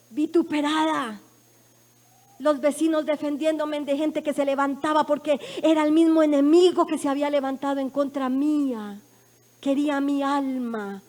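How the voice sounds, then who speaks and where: Una mujer colombiana con acento colombiano que da su testimonio en una prédica, narrando con emoción y pasando de susurros a exclamaciones. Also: female voice, sits high. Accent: Colombian Spanish. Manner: emotional, dramatic storytelling with swings from hushed to loud. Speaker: preacher giving testimony. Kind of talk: sermon testimony. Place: church.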